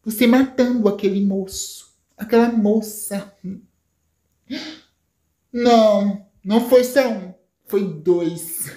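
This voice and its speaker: A woman's voice: mid-range voice, slow pace, pauses often, warm tone, echoey room, natural voice. Woman voicing an emphatic, accusing young woman, Brazilian accent.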